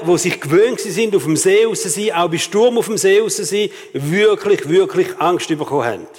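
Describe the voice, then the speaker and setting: A man preaching a sermon with a Swiss German accent, lively and rhetorical, often asking the audience questions. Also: high-pitched. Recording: long reverb of a hall.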